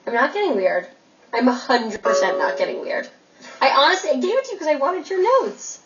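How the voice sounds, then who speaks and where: Hannah, a rambling young writer. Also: female voice, high voice, very animated, brisk. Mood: defensive, earnest. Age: young adult. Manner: rambling, hedging with "like" and "kind of". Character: earnest self-absorbed young woman writer. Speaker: aspiring writer girlfriend. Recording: distant, dull TV soundtrack.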